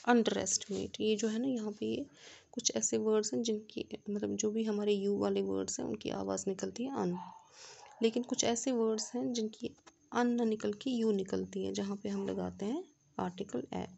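Grammar teacher, woman with a gravelly, mellow voice. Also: mid-range voice, steady tone, a little hiss or hum. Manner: explains step by step, asks rhetorical check questions; reads English examples slowly and deliberately. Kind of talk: classroom grammar lesson.

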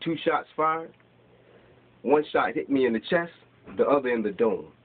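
An expressive man in his forties with a mid-range voice reads his rhyming poems a little slowly at a small bookstore open mic, papers in hand, gesturing through a rhythmic delivery. Recorded by a camera across the room, the tinny lo-fi audio has a little hiss or hum.

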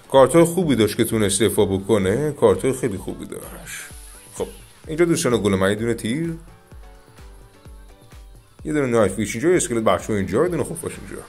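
Low-voiced Iranian man commenting on gameplay. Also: long pauses, slightly rough, faint music behind. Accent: Iranian Persian. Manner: excited, chatty, often addresses viewers as dear friends. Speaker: gaming YouTuber.

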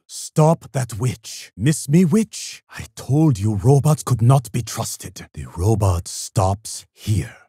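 A man voicing a stoic, honorable samurai swordsman in a video game, speaking formally, with measured, solemn courtesy. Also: lowish voice, warm tone, husky, no room sound, clean studio sound, exaggerated voice. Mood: determined. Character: stoic, honorable time-lost samurai swordsman, polite and grave. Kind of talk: video game character voice lines.

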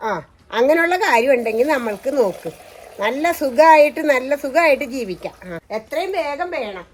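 A woman's voice: on the high side, lightly acted. A woman playing a nagging mother-in-law. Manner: nagging, scolding with repeated challenges. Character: domineering scolding mother-in-law, middle-aged woman. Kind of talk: amateur short-film acting.

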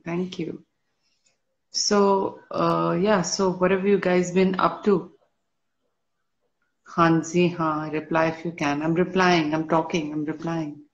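Woman, live-stream host, relaxed unhurried talk, slightly unwell, muffled phone audio. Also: sits low, creaky. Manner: slow, relaxed, answers comments one by one. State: a little unwell. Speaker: live-stream host reading fan comments. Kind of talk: casual live-stream chat.

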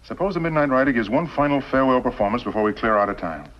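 A middle-aged man plays a scheming, bitter outlaw boss posing as a mild telegraph operator in a 1950s TV western, delivering lines with sardonic, deliberate, calculating intensity. His medium-pitched voice has lively intonation and is close to an everyday voice. The scene is set indoors in a small wooden cabin, heard through a muffled, noisy old 1950s TV soundtrack.

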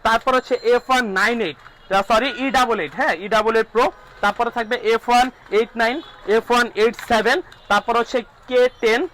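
Speaking very fast in a very high, fairly bright voice with fairly even intonation, a man with a Bangladeshi Bengali accent runs through drone shop prices. It's rapid-fire, repetitive sales talk dotted with "all right?", captured on a low-quality recording.

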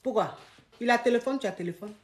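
A woman giving relationship advice in a lively, emphatic monologue, acting out scenes and repeating points for emphasis. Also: fairly high pitch, fast.

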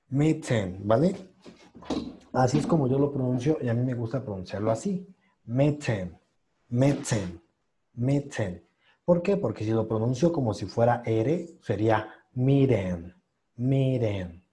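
A man leads an online pronunciation class. His voice is dark and mellow as he repeats each sound slowly and patiently. He praises students warmly after each try. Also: mid-range voice. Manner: patient, encouraging, drills sounds by slow repetition. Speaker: English pronunciation teacher.

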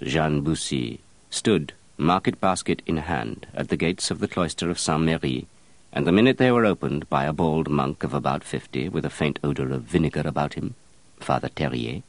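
A man reading a novel aloud in a measured, expressive narrating style. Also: rumbling low, dry recording. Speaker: audiobook reader. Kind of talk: scripted narration.

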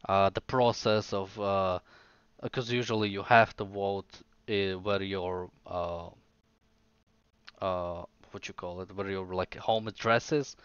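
A man's voice: lowish voice, smooth, no room sound, muffled recording. A sleepy young man who is losing his voice, chatting casually on a live stream, rambling and hesitant with many fillers and restarts.

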